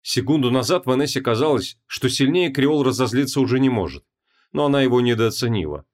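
Expressive male audiobook narrator. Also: medium pitch, a little fast. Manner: expressive, dramatic reading. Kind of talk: scripted fantasy audiobook narration.

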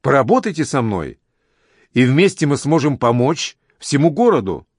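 A man reading as a mysterious stranger with a smooth, coaxing manner, flattering his listener and pressing an offer in a storybook. His voice sits at a middle pitch and sounds close and dry, with no room around it. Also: moderate pace, dry recording. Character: smooth persuasive mysterious male recruiter.

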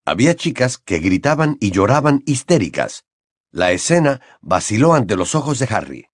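Male narrator, mid pitch, lively and dramatic, dry close sound. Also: normal speed, dry recording. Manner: expressive, dramatic reading. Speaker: audiobook narrator. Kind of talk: scripted narration.

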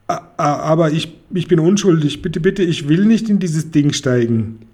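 A man's voice: on the high side, moderate pace, darkish tone, pitched above the performer's own voice, lightly acted. A man voicing a frightened male merchant who stammers and pleads in an audiobook. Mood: terrified.

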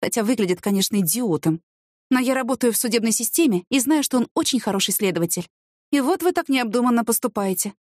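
A woman voicing a brisk, sarcastic woman friend who works in the courts and lectures her friend, in a storybook reading. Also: a little high, expressive, a little mellow, dry recording, clean studio sound, pitched above the performer's own voice. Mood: scolding.

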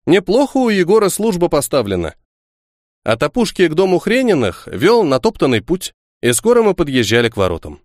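A man reading an audiobook aloud in first-person narration, with lively storytelling. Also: fairly high pitch, fairly quick, no room sound, studio quality.

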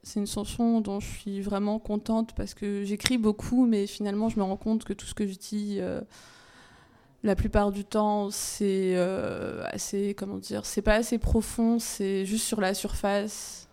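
A woman guest rapper talking casually on air, hesitant with many pauses. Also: mid-range voice, little pitch movement, mellow.

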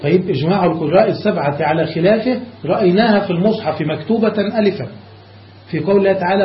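A man teaching a classical grammar lesson, explaining each rule step by step, checking that his students follow, and slowing down on examples. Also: sits high. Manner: slows down on examples. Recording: echoey lo-fi room recording.

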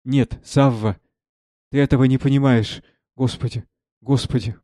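A man reading the part of a frightened, devout young woman, speaking softly and tearfully. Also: on the high side, normal speed, no echo, clean studio sound, pitched above the performer's own voice, natural voice.

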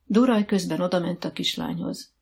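Woman narrator for a children's audiobook; low and gravelly, steady delivery. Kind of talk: scripted narration.

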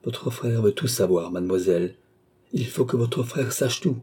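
A man's voice: mid-range voice, normal speed, mellow, slightly rough, voice pushed up, close to an everyday voice. A man voicing a mysterious count, a mesmerist who gives firm, insistent orders, in an audiobook reading. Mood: commanding. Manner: commanding, insistent.

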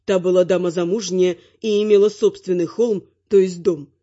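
A woman's voice: fairly low pitch, steady tone, normal speed, warm tone. A woman narrating a first-person fantasy audiobook in a wry, ironic storytelling manner. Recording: muffled lo-fi recording.

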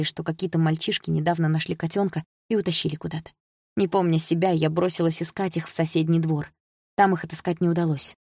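Husky, lower-pitched woman narrator, first-person audiobook read, dry studio sound. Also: a little mellow, no room sound.

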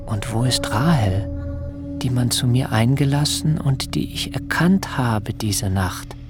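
An actor playing a shaken young bridegroom in a radio drama, musing in a hushed, gravelly voice. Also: male voice, mid-range voice, expressive, measured pace, music in the background, natural voice. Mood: bewildered musing. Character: young man, a shepherd bridegroom, shaken and bewildered.

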